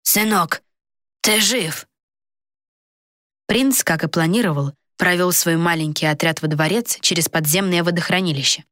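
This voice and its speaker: Lower-voiced woman narrating a story. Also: brisk, few pauses, fairly bright tone, no room sound. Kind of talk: audiobook narration. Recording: dry close recording.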